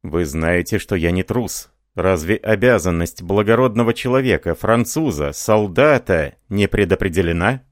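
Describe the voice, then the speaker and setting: A man's voice: low voice, lively intonation, normal speed, hardly any pauses, no echo, clean studio sound. A man doing an ardent young French lieutenant. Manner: fervent, pleading.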